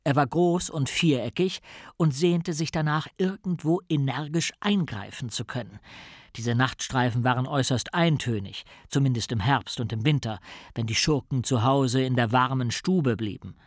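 A man reading a children's story aloud in a calm, expressive storytelling manner. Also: medium pitch, normal speed, no room sound, clean studio sound. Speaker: narrator. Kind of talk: audiobook storytelling.

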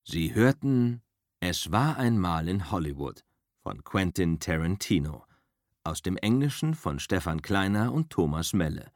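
A man reading an audiobook as narrator, with expressive, vivid storytelling. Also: low-pitched, measured pace, no echo, studio quality. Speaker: audiobook reader. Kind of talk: scripted narration.

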